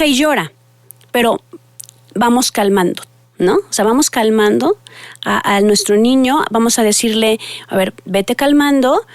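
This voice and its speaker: Woman, psychologist, earnest advice talk, fairly high pitch, dry recording. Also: no echo. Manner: warm, earnest, addresses listeners directly.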